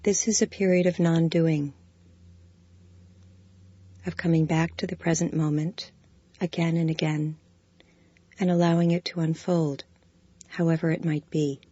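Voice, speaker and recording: In slow, soft, calm phrases, a woman with a strikingly low, deep voice leads a body scan meditation. The audio is dry and close-miked, its tone a little dull and muffled, with no echo at all.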